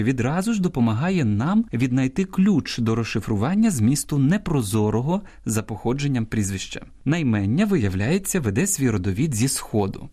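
A man with a Ukrainian accent presents a scripted radio language program. His voice is mellow and dark, and his intonation stays lively as he reads. He explains word meanings in a careful, teaching way. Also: mid-range voice. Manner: measured, didactic reading with quoted examples.

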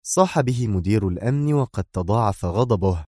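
Brief: low, dark-toned male audiobook narrator, measured pace, dry booth. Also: dry recording. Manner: steady, measured.

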